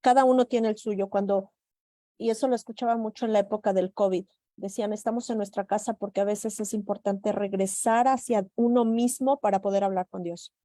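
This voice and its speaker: A woman's voice: mid-range voice, fairly even intonation, a little fast, mellow, no room sound, clean studio sound. A woman hosting a conversation, engaged and affirming as she builds on her guest's points. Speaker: host. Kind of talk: conversational discussion.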